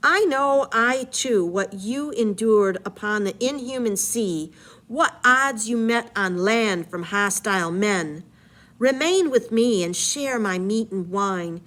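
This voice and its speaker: A woman's voice: medium pitch, expressive, takes it slowly, a bit bright. A woman voicing the immortal enchantress Circe, reading her lines aloud in a raised, dramatic way. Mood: commanding.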